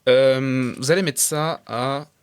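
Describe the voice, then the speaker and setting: A young man talking casually through a software tutorial step by step, with frequent fillers and English terms mixed in. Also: medium pitch, slow, smooth. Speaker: tutorial creator. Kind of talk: screen-recorded software tutorial.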